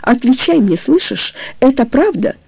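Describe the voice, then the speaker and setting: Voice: high voice, big pitch swings, normal speed, vocal fry, darkish tone, a little hiss or hum, voice pushed up, full character voice. A reader voicing a young man in love who turns jealous and furious, speaking harshly and accusingly. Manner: pleading, then harsh and accusing. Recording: dull lo-fi recording.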